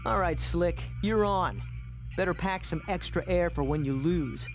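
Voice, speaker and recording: High-pitched, cocky young racer. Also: male voice. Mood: cocky, defiant. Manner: brash, quick retorts. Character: cocky, defiant young male race driver hero. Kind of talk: video game voice acting. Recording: loud music over the voice.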